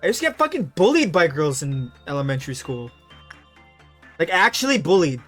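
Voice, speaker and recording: A man's voice: fairly high pitch, sing-song, fairly quick, fairly bright tone, faint music behind. A young man streaming live, chatting casually and telling profane, rambling anecdotes.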